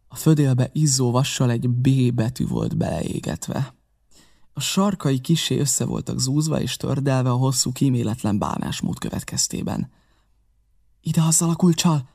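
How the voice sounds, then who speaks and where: A man reading a classic adventure novel aloud in a measured, steady first-person narration. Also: medium pitch, creaky. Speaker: audiobook narrator.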